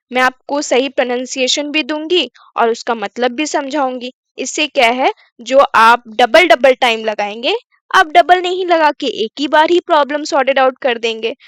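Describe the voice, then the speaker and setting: A woman's voice: high-pitched, fairly bright tone, dry recording, clean studio sound. A woman teacher, explaining a story word by word, asking questions and answering them herself. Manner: asks questions then answers them, repeats words slowly. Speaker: English teacher. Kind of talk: bilingual English reading lesson.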